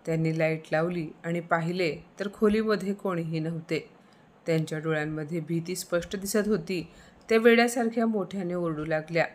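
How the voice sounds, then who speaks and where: A woman tells a family ghost story as scripted narration. Her voice sits a little low, and she reads steadily with a touch of drama.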